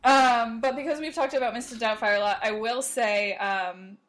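A woman's voice: a little high, steady tone, normal speed, a bit bright. Playful giggly woman podcaster. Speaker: podcast co-host, editor and poet. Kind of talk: casual podcast chat.

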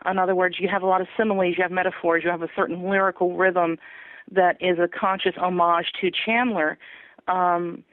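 A woman author telling her story in an animated, laughing way during an interview. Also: fairly low pitch, a little fast, no echo. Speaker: author guest. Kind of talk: interview over phone. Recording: tinny phone line, dry.

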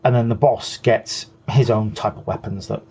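A man's voice: on the low side, steady tone, normal speed, mellow, slightly rough, dull audio. A man co-hosting a hobby show, patiently explaining game rules in casual chat and often restarting his sentences. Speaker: co-host.

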